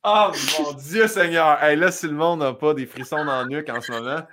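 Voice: medium pitch, normal speed, noisy background. Playful Québécois host, casual swearing. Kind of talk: casual interview chat.

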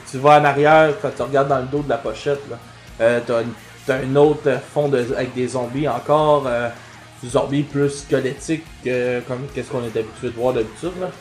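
A man with a Quebec French accent co-hosting a podcast in casual chat, animated and slangy, with lots of fillers. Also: mid-range voice. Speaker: podcast co-host. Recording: roomy echo with faint music.

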